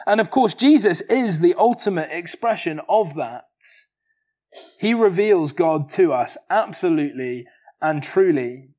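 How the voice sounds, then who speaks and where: A man preaching an expository sermon in an earnest, measured way, often pausing on rhetorical questions. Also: sits high, lively intonation, darkish tone.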